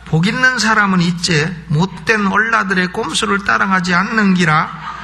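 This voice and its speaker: A man putting on a Gyeongsang accent to play a folksy man reading scripture in a rustic, playful, drawn-out way. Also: high-pitched, gravelly, bright, forceful tone, pitched above the performer's own voice, exaggerated voice. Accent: Gyeongsang dialect.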